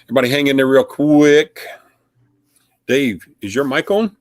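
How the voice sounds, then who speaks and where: A man's voice: mid-range voice, moderate pace, no room sound. A man hosting a casual live stream recap of a paranormal investigation, rambling with lots of fillers. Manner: rambling, filler-heavy, friendly.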